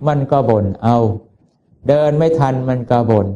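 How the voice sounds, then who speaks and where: Male Buddhist preacher with a warm, mellow voice who delivers a homely sermon full of rhetorical questions. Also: medium pitch, normal speed, highs cut off. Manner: folksy, conversational, with rhetorical questions.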